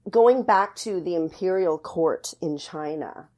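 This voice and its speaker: Speaking slowly in a lowish, dark-toned voice, this middle-aged native English speaker is the artistic director of a dance academy, appearing as a podcast guest. She explains things in a conversational way, pausing thoughtfully as she hunts for the right words.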